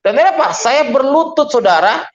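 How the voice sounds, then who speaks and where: Man telling a lively testimony. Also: very high-pitched, moderate pace. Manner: animated storyteller acting out dialogue. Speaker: pastor. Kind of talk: testimony sermon. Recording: dull lo-fi recording.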